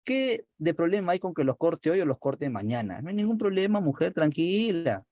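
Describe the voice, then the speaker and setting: A man's voice: on the high side, big pitch swings, normal speed, darkish tone, lo-fi sound, pitched above the performer's own voice. A man voicing a lazy, boastful middle-aged woodcutter who drawls dismissively.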